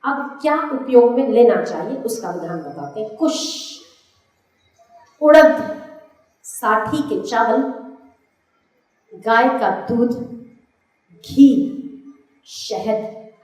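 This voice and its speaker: Slow, didactic woman, very echoey hall. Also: a little high, expressive, darkish tone. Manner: slow, didactic, repeating lists for note-taking. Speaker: spiritual teacher. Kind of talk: religious discourse to an audience.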